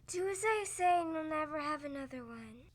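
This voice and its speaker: A young actress in a school radio play voicing a sardonic doctor who trades dry insults with the husband. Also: female voice, high voice, expressive, normal speed. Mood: mocking. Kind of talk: old-time radio comedy acting.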